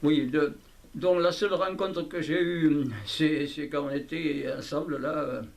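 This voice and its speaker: An elderly man from southwest France talks casually and haltingly, repeating himself, recorded by a hidden microphone. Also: on the high side, steady tone, gravelly. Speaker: interviewee, childhood friend recalling the past. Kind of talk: casual conversation, reminiscing. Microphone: hidden camera microphone. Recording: noisy candid hidden-mic recording, clicks.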